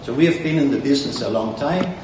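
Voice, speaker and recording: Quick and animated, a company founder from Denmark rambles boastfully on a conference stage in a medium-pitched voice. The large hall echoes around the distant mic, which also picks up faint ambience and noise.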